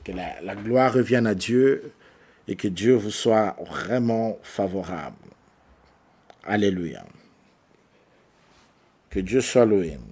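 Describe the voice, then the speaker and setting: Male pastor, sermon delivery, repeats phrases for emphasis, shifts from soft to loud. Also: lowish voice, takes it slowly, pauses often, breathy edge.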